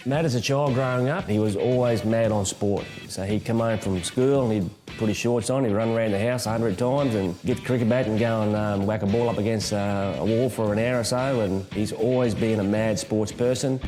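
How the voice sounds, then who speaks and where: A man's voice: fairly low pitch, brisk, hardly any pauses, warm tone. Proud man over guitar music. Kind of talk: documentary interview. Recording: music bed under voice.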